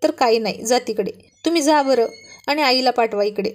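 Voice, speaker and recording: A woman voicing a shy, affectionate young wife who gently scolds her husband, in a story read aloud. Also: a little high, brisk, close to an everyday voice. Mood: shy scolding. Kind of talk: storybook reading.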